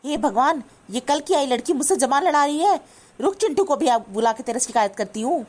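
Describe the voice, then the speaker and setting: A woman's voice: high voice, animated, a little fast, darkish tone. A woman voicing a bossy, scolding older mother-in-law in a cartoon. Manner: scolding, complaining. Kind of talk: cartoon voice acting.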